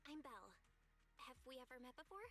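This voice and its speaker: A woman streamer reads game dialogue with a lively, swooping voice that sits a little high. Faint game music plays underneath. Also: a little fast. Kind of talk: reading game dialogue aloud.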